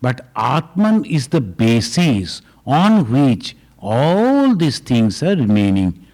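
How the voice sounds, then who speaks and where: A man, a swami, answering questions at a retreat in a slow, deliberate way, often chuckling as he explains. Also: medium pitch, sing-song, dark tone. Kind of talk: spiritual Q&A talk. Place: retreat gathering hall.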